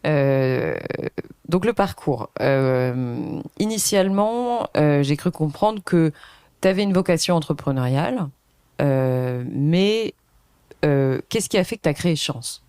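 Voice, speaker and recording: A woman's voice: low voice, expressive, slow, warm tone, smooth, no room sound, studio quality. A woman hosting a podcast interview, asking friendly, rambling questions in a casual chat. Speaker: podcast host.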